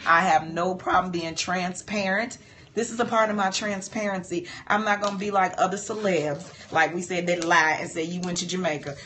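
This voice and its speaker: A woman's voice: fairly low pitch, moderate pace, a little hiss or hum. Chatty woman talking to viewers. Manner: animated, chatty, heartfelt, addresses viewers as y'all. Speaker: patient filming her own cosmetic procedure. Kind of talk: candid livestream talk to viewers. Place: doctor's office treatment room.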